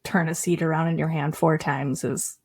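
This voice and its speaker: A woman's voice: sits low, steady tone, normal speed, darkish tone. Wry joking woman co-host. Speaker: podcast co-host. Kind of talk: casual chat.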